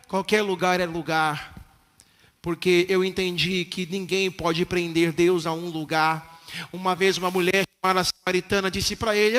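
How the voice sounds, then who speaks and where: A man with a Brazilian Portuguese accent preaching a sermon in a church, swinging from hushed to shouting with emphatic repetition. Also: high-pitched. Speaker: pastor. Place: church sanctuary. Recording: long church hall reverb.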